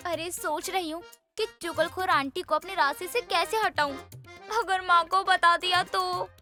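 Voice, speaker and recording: A woman doing a sassy high-voiced young woman. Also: fairly even intonation, bright, forceful tone, soft background music. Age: young adult. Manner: sassy, blunt, quick retorts.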